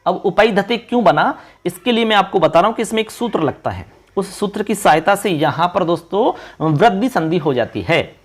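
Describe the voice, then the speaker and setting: Male tutor, higher-pitched voice, coaxing students with questions and slow, drilled repetition of terms. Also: lively intonation. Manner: addresses viewers as friends, quizzes them; repeats key terms slowly. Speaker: teacher. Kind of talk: online exam-prep lesson.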